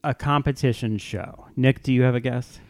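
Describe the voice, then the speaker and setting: A man's voice: medium pitch, fairly even intonation, moderate pace, a little mellow. A man co-hosting a podcast, telling a story in a playful, giggly casual chat. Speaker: podcast co-host.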